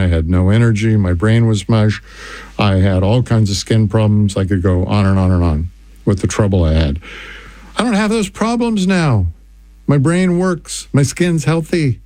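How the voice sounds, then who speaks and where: An older man hosts a radio health program, reading listener testimonials and pushing a product in an earnest pitch. His voice sits low and mellow, recorded close and dry with no room sound. He stretches some words slowly and repeats the phone number with care. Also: dry recording. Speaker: radio show host.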